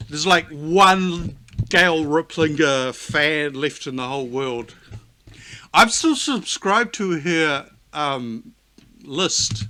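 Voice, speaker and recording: A YouTube vlogger with a fairly high, sharp male voice offers casual commentary on Bible texts. He's sarcastic and rambling, often correcting himself mid-sentence.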